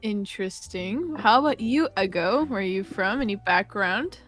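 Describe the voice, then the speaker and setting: A woman's voice: medium pitch, expressive, normal speed, fairly bright tone, soft background music. A woman esports caster interviewing guests on a podcast, upbeat and easygoing. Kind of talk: casual interview.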